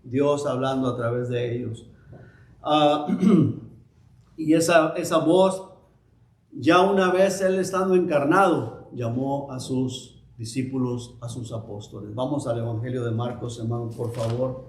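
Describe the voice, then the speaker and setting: A man preaching a sermon as pastor, swinging between emphatic declarations and quieter readings of scripture. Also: medium pitch, a little slow, echoey room, a little hiss or hum.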